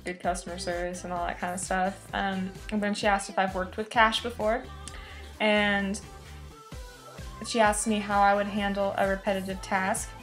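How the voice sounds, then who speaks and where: Speaking at a moderate pace in a level, mid-range voice, this student vlogger of around twenty tells the camera about an experience. Her talk is loose and rambling, full of self-interruptions, and faint music sits behind her.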